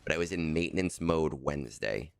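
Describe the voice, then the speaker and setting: A man's voice: rumbling low, animated, brisk, vocal fry, clear, resonant tone. A man streaming a game and chatting in a casual, rambling and joking way, his voice scratchy in the morning. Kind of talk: casual live-stream chat.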